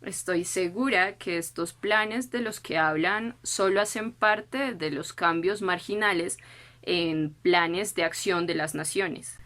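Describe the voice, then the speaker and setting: A woman's voice: lowish voice, slow, fairly bright tone. A woman reading skeptical, questioning lines in a scripted school debate.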